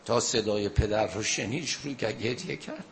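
A man's voice: lowish voice, a little hiss or hum. A man preacher delivering a religious mourning sermon, retelling a martyrdom story with rising emotional intensity.

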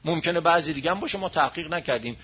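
A man's voice: on the high side, slightly rough. A man giving a religious lecture, explaining verses in plain everyday talk and stressing points with emphatic questions. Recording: dull lo-fi recording.

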